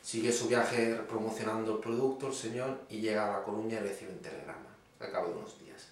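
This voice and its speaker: A man telling a string of jokes for his videoblog in a slow, dry storyteller's way. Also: lowish voice, fairly even intonation, creaky. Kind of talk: stand-up joke telling. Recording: echoey room, far from the mic.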